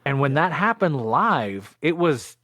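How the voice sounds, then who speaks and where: A man co-hosting a podcast, telling stories in an animated, explaining way. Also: a little high, unhurried, no echo, studio quality. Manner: animated storyteller, explains and asks. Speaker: podcast co-host. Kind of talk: casual chat.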